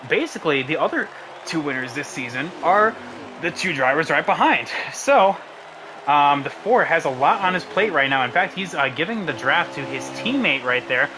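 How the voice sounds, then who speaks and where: A man's voice: on the high side, slight background noise. A young man with a sick voice giving casual, filler-heavy live commentary on an online sim race. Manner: casual, many fillers, excited at race finish.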